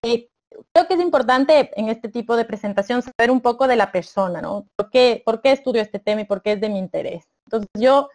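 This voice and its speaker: A woman in her thirties from Ecuador, a doctoral student presenting her research on a video call in a measured, explanatory way with frequent hesitations. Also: a little high, lively intonation, a little mellow.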